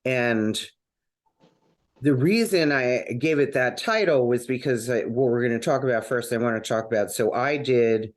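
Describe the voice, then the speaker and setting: A man's voice: mid-range voice, moderate pace. A man hosting a podcast in casual conversation, rambling a little with fillers and restarts. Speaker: podcast host.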